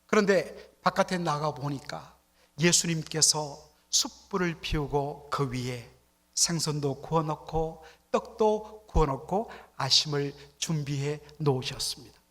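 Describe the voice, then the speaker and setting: A man's voice: a little high, unhurried, fairly bright tone. A man preaching a Sunday sermon as pastor, often asking the congregation questions and acting out dialect jokes. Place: church sanctuary. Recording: long church hall reverb.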